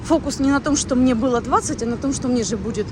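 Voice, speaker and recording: Speaking quickly in a high-sitting voice, a woman in her thirties rambles through a casual walking vlog outdoors on a city street. She muses aloud, full of fillers and restarts, as traffic noise runs underneath.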